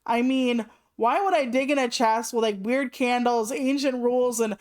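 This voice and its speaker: A woman's voice: on the high side, moderate pace, a little mellow. A woman in her late thirties chatting casually on a live stream, rambling through asides and swearing freely. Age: 30s. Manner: rambling asides with many "like" fillers.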